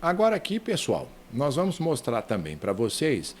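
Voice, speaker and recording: A man's voice: medium pitch, huge pitch swings, normal speed, slight background noise. A man from Brazil teaching a Portuguese exam-review lesson, explaining with rhetorical questions and talking straight to his students.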